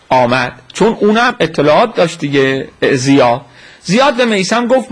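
A man delivering a storytelling lecture, his voice high and husky. He swings widely up and down as he acts out the story's speakers. He also answers questions from the floor. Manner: animated retelling with quoted voices. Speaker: religious lecturer.

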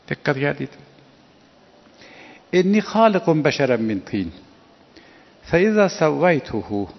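Gravelly man preaching in an echoing hall. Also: mid-range voice. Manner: animated, lecturing, rhetorical questions. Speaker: cleric. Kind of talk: sermon. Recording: dull recording with long hall reverb.

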